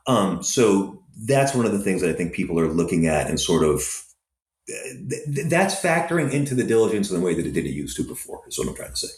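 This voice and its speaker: Speaking fast in a low voice, this restaurant operator and investor from Southern California trades anecdotes during a casual interview, and the room echoes around him. His storytelling is lively and full of filler words.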